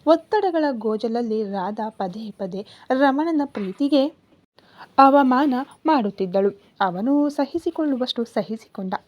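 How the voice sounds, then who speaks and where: A woman narrating a romantic story in an expressive, dramatic reading style. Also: a little high, unhurried, lo-fi sound.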